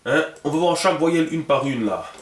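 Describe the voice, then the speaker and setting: A man's voice: on the high side, expressive, a little fast. Man teaching in an echoey room. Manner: patient, checks often with the viewer. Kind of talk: instructional video lesson.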